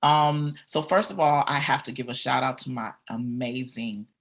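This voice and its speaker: A woman's voice: very deep voice, steady tone, normal speed. A woman from Michigan, a counselor, talking earnestly and encouragingly as a podcast guest. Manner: earnest, encouraging, lists things off. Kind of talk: casual interview talk.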